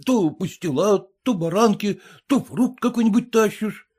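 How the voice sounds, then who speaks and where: A woman's voice: deep voice, expressive, a little slow, dark tone, slightly rough, pitched above the performer's own voice, exaggerated voice. A woman voicing a bewildered merchant husband in a storybook reading, pleading and flustered. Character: bewildered middle-aged merchant husband, meek.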